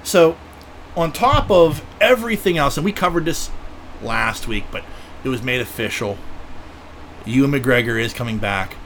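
A man hosting a casual podcast chat, talking in an excitable, profane way with plenty of fillers. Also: medium pitch, moderate pace, gravelly, long pauses, slight background noise. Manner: excitable, profane fan talk with many fillers. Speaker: podcast host.

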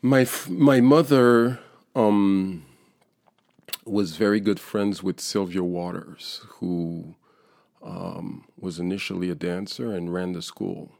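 A man's voice: deep voice, fairly even intonation, takes it slowly, vocal fry, darkish tone, dry recording, studio quality. A man in his forties from France, a painter being interviewed, talking in a hesitant, thoughtful way with many fillers. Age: 40s. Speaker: guest painter. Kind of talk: casual interview.

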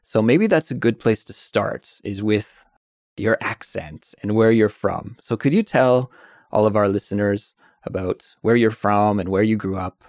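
Low-voiced man hosting a learner podcast. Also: a little slow, darkish tone, dry recording, clean studio sound. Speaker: podcast host. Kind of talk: scripted announcement and casual interview.

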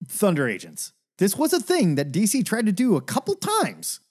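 A man's voice: high-pitched, wildly swooping pitch, normal speed, darkish tone, husky. A man co-hosting a comic book podcast in casual chat, wry and teasing with a sarcastic edge. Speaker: podcast co-host.

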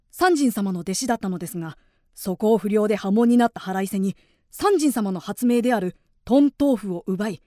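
A woman's voice: medium pitch, warm tone, dry recording, studio quality, natural voice. A woman voicing an earnest young male samurai in a period audio drama, bold and declamatory. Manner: bold, declamatory, turning polite to superiors.

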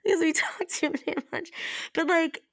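A woman in her thirties co-hosts a podcast in a casual chat, her extremely high voice raspy and a little hoarse from a cough. She rambles through stories at an unhurried, steady pace, giggling and laughing often. The studio sound is clean with no room sound.

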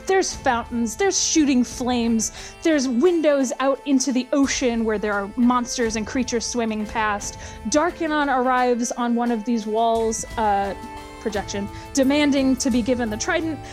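A woman's voice: on the high side, measured pace, a little mellow, soft background music. A woman casually recapping a storyline, wry and chatty, with lots of ums and uhs.

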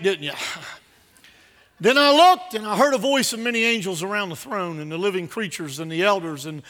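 With a high, forceful voice, a male preacher addresses his congregation, using repeated phrases to drive points home. He shifts back and forth between quiet asides and loud, urgent declarations.

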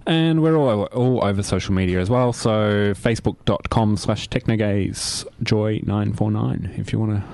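A man's voice: fairly low pitch, moderate pace, vocal fry, few pauses, darkish tone, dry recording. A man hosting a casual tech radio show in a studio, chatty and hesitant with many fillers. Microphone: studio mic.

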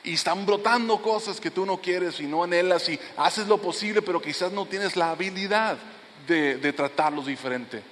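A middle-aged man preaching a sermon as pastor. His delivery is earnest and drops to soft, low lines for emphasis. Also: normal speed, slight background noise. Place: church sanctuary. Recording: long hall reverb in a church.

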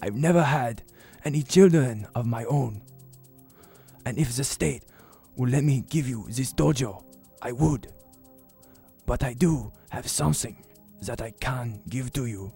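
An actor playing a gentle, dying older martial arts master who speaks slowly and solemnly. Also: male voice, medium pitch, creaky, slightly rough, soft background music. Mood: solemn farewell. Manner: slow, solemn, measured. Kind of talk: audio drama acting.

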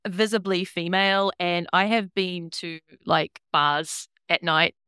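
A woman chats casually as a game master, wry and self-deprecating. Her voice is smooth and resonant, and the recording is close and dry. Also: fairly low pitch, fairly even intonation, slow pace, pushed and bright, dry recording. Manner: chatty, wry, self-deprecating, laughs often. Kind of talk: casual chat.

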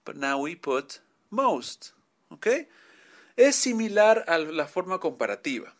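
Slow, bright-voiced male English teacher. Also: a little high, sing-song. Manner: explains slowly, repeats "¿ok?" often. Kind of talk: bilingual grammar lesson.

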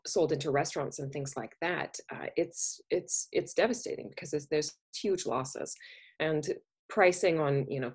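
Husky-voiced woman hosting a podcast. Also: low-pitched. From Minnesota, USA. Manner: chatty, with frequent fillers and restarts. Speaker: podcast host. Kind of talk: casual podcast interview.

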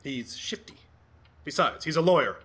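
A man's voice: fairly high pitch, lively intonation, normal speed, fairly bright tone. A man playing a cowardly, pompous, scatterbrained detective in an old-style radio drama, fussy and theatrical. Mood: smug. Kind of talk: 1940s radio acting.

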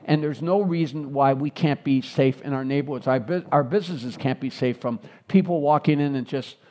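A man's voice: medium pitch, normal speed, a little mellow. A middle-aged man, speaking as a guest in a talk interview in an earnest, repetitive stump-speech rhythm. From Chicago, United States. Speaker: mayoral candidate guest.

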